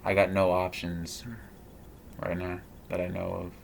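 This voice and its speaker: A man in his thirties talking in a personal vlog monologue, halting and rambling with many fillers and restarts. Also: low-pitched, completely flat delivery, creaky, slight background noise. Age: 30s. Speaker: vlogger.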